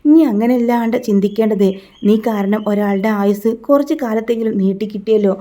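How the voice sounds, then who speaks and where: A woman plays a caring older aunt in a storybook retelling, gently scolding and comforting. Her voice is very dark and mellow. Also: mid-range voice, fairly even intonation, brisk, lightly acted. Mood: consoling.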